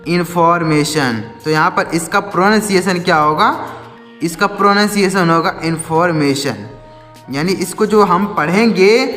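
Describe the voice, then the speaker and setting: A man's voice: sits high, a bit bright. A man teaching English vocabulary who spells each word letter by letter, then asks and answers his own questions. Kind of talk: spoken English vocabulary lesson. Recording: echoey room with long reverb.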